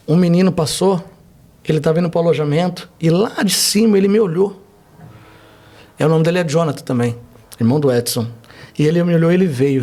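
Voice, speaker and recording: A man's voice: fairly high pitch, darkish tone. A man, a pastor, giving a fervent testimony in a podcast interview and driving his points home with rhetorical questions.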